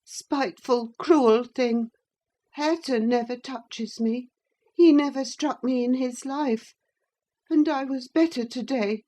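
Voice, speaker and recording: In an audiobook, a woman voices a sickly, petulant teenage boy, whining and wallowing in self-pity. She pushes her mellow voice up high and speaks slowly.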